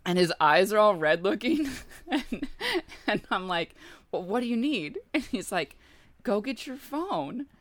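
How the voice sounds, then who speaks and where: A woman's voice: mid-range voice, animated, measured pace, no echo. A woman in her thirties chatting casually, telling a story and acting out the quoted lines.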